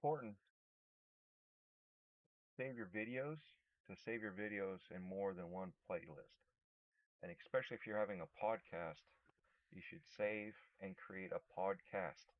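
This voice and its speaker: Casting: male streamer, lowish voice, mumbly self-talk while working, mic sitting off to one side, narrow phone-like sound. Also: measured pace, long pauses, no room sound. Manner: mumbling to himself, often trailing off quietly. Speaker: channel host. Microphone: mic low and off to one side.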